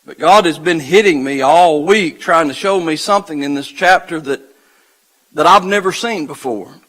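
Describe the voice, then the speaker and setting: A man preaching a sermon as pastor in a church, slow and deliberate, building in intensity as he reads scripture. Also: fairly high pitch, a bit bright, low-quality recording. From United States. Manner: slow, deliberate delivery with dramatic pauses and rising intensity. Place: church sanctuary. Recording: live church livestream.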